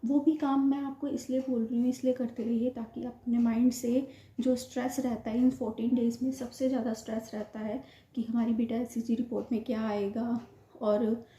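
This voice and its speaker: A woman's voice: on the high side, little pitch movement, normal speed, warm tone. A young woman, slightly short of breath, earnestly giving repetitive, instructive advice in casual talk to camera. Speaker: vlogger sharing her IVF experience. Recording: roomy, dull lo-fi home recording.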